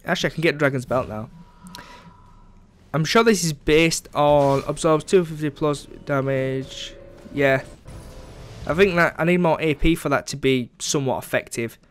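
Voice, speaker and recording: A man's voice: a little high, normal speed. A young man giving casual, chatty commentary over his own gameplay, sarcastic about his teammates and dropping frequent ums.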